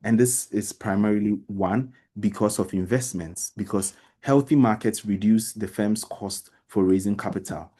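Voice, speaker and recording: A man's voice: fairly low pitch, normal speed, hardly any pauses, dark tone, breathy edge. A man teaching as a debate trainer in an informal explanatory lecture, repeating phrases for emphasis and speaking directly to his listeners. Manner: addresses listeners directly with everyday examples.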